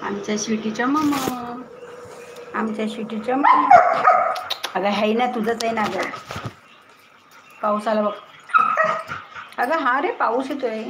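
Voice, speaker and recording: A woman's voice: a little high, unhurried, long pauses. A woman chatting at home in a casual vlog, coaxing and scolding her pets. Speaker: home vlogger. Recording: echoey room with loud background noise.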